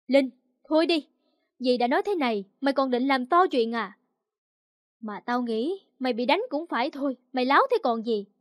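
A woman's voice: high-pitched, lively intonation, normal speed, no room sound, studio quality. A woman voicing a stern middle-aged father who scolds his daughter with contempt. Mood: scolding.

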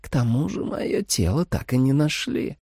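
A man voicing a cruel, seductive vampire mother in an audiobook, speaking slowly in a sweet, menacing croon. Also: mid-range voice, big pitch swings, vocal fry, a little mellow, slightly rough, no room sound, studio quality, pitched above the performer's own voice, heavily acted. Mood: crooning menace.

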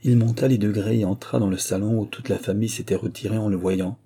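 Male audiobook narrator, low and husky, measured delivery. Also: steady tone, mellow. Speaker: audiobook reader. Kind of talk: scripted narration.

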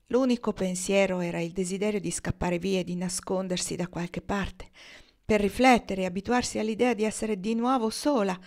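Female audiobook narrator, calm, measured reading. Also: mid-range voice, creaky. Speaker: audiobook reader. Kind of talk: novel reading.

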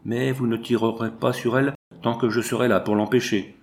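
A man's voice: medium pitch, steady tone, a little fast, creaky, a little hiss or hum, lightly acted. A man voicing a jealous young male hunter, speaking earnestly and urgently. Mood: defiant.

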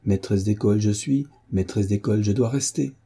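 A man's voice: lowish voice, normal speed, dark tone, breathy edge. A man reading the part of a young woman schoolteacher, earnest and imploring. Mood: pleading. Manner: imploring, heartfelt.

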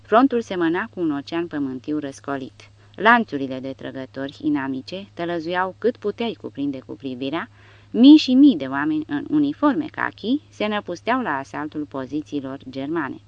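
A woman narrating an audiobook in a dramatic, expressive reading style. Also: low-pitched, no echo. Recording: dull dry recording.

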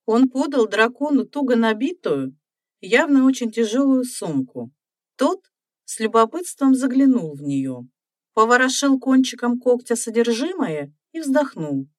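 A woman's voice: on the high side, sing-song, measured pace, no echo, clean studio sound. A woman narrator reading a scripted fairy tale.

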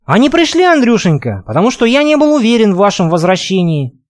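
A man voicing a calm, cynical older professor who speaks in a patronizing way in an audiobook. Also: sits high, a little fast, no echo, clean studio sound, pitched above the performer's own voice.

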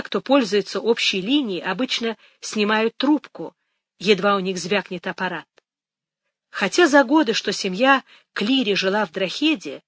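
Audiobook reader, dramatic and measured, bright tone, dry close sound. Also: mid-range voice, no echo. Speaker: audiobook narrator.

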